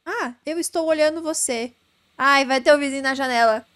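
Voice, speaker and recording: A young woman with a high voice talks through a spooky game, jumpy and nervous, breaking into squeals and laughter when something startles her. Faint rain and thunder sound behind her voice. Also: moderate pace, a bit bright. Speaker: gaming streamer. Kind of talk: casual let's-play commentary.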